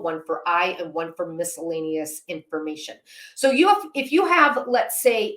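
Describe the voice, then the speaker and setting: A woman's voice: medium pitch, fairly bright tone. Woman vlogger, casual how-to talk, practical and self-mocking, roomy echo. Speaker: home organizing channel host. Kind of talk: casual instructional talk to camera. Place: home office.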